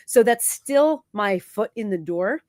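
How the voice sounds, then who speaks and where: Hosting a live Q&A stream while battling a cold, a productivity consultant sniffles occasionally and chats in a self-interrupting way, quickly chiming in to agree. Her middle-pitched voice is lively and a little mellow. The recording is dry and close, with no room sound.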